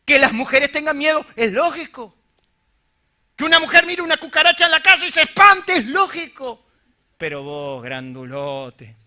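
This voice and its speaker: High, bright-voiced Rioplatense preacher. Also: male voice. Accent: Rioplatense Spanish. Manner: dramatic, swings from loud outbursts to hushed murmurs, joking asides. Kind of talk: sermon.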